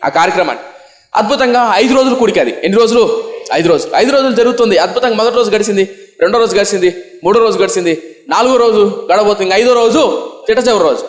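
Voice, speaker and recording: A man's voice: sits high, fast talker. A male pastor telling a sermon story, asking himself questions and answering them, with vivid repetition. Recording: echoey room.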